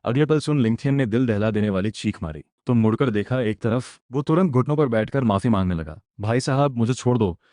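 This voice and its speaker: A man narrating a comic-style story recap in a steady, dramatic storytelling manner. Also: mid-range voice, brisk, few pauses, no echo, clean studio sound.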